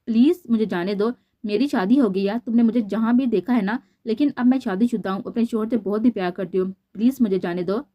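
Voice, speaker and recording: A woman's voice: medium pitch, no echo, dull audio, lightly acted. A woman voicing a frightened young married woman who pleads in a pained voice, read from a storybook. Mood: pleading.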